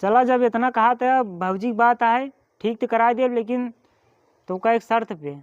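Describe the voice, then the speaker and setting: A man's voice: very high-pitched, unhurried, smooth, no room sound, highs cut off. A man with an eastern Uttar Pradesh accent playing a bossy, scheming village brother-in-law in an amateur comedy skit. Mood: stern.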